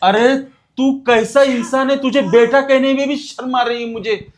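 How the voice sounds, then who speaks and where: A man playing a high-voiced stern father. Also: lively intonation, normal speed. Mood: angry. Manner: coaxing then angry scolding. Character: stern father of the family, middle-aged man. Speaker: father-in-law. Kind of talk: amateur short-film acting.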